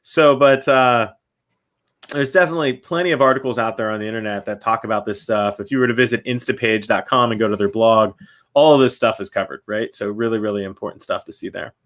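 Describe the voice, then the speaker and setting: A man's voice: fairly low pitch, fast, a bit bright. A man, a company CEO, answering interview questions loosely with many fillers.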